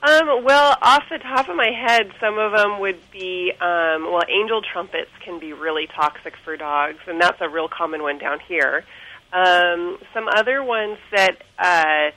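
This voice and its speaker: A woman's voice: lowish voice, measured pace, sharp tone, low-quality recording. A woman guest author explaining pet safety in a radio interview over the phone, chatty with some ums.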